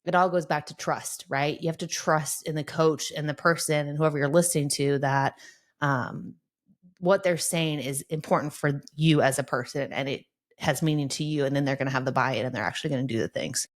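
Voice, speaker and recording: Low-voiced woman, earnest and encouraging. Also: steady tone, a little fast. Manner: earnest, encouraging, often adds "right?". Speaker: guest sports psychologist. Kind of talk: conversational podcast interview.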